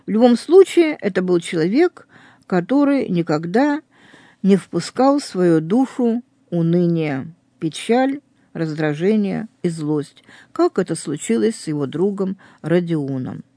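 An earnest storyteller retells a novel, weaving in religious commentary with emphatic stress. The tone is dark and mellow, and the recording is dry and close to the mic. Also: mid-range voice, expressive, unhurried, dry recording.

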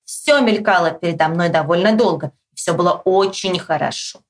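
A woman teacher reading a children's story aloud with lively expression, acting out the shouts, then quizzing a pupil. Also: moderate pace. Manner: acts out the boy's shouts with big jumps in pitch. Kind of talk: expressive read-aloud with quiz questions.

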